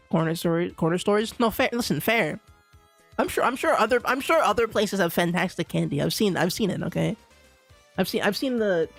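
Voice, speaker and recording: A young man from Bermuda streaming, ranting in an animated, casual way with lots of laughter. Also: on the high side, gravelly. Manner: animated ranting, laughs often, says "dude" a lot. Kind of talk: casual livestream chat.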